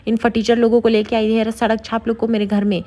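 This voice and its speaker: A woman retelling a serial who voices a proud, loud, scolding middle-aged matriarch at a quick, dark-toned pace. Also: on the high side, level tone, lightly acted.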